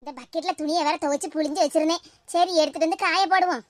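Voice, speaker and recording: A woman voicing a fast, squeaky neighbor auntie. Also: fairly even intonation, loud music behind the voice. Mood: curious. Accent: Tirunelveli Tamil. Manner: quick, fussing questions and homely chatter. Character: concerned older neighbor woman, curious about gossip.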